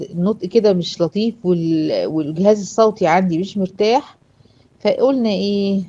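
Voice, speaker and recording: A woman's voice: mid-range voice, dark tone, highs cut off. Egyptian woman teaching with patient repetition. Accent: Egyptian Arabic. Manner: explains patiently, asks and answers her own questions, drawls example words slowly. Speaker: Quran recitation teacher. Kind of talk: classroom lesson.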